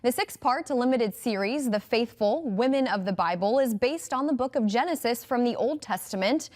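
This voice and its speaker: Female TV anchor, slightly high-pitched, brisk and upbeat scripted delivery. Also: lively intonation, darkish tone. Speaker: news anchor. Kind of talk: scripted news reading.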